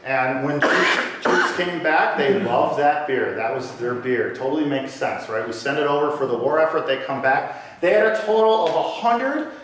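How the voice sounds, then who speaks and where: A man's voice: on the high side, lively intonation, normal speed, far from the mic. A man giving a casual, joking public lecture, chatting with the audience. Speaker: lecturer on local brewing history. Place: lecture room with a live audience. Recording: echoey room, voice from off mic, faint hiss.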